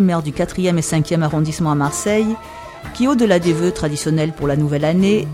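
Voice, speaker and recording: An interviewer hosting a talk show, reading an intro and asking steady, plain questions. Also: medium pitch.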